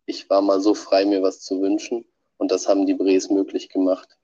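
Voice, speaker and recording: Sick nasal guy in a low quality audio clip played back, dark muffled voice. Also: monotone, moderate pace. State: has a cold, nasal. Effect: low-quality audio file played back on a podcast. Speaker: podcast regular sending a birthday message. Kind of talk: prepared spoken message. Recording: dull lo-fi playback.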